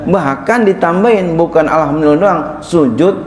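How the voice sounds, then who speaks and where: Kiai teaching in an echoey hall. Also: male voice, fairly high pitch, moderate pace. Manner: reads Arabic then explains in casual Jakarta-style Indonesian. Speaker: kiai teaching a classical text. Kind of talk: sermon-style kitab study. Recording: echoey room with faint ambience.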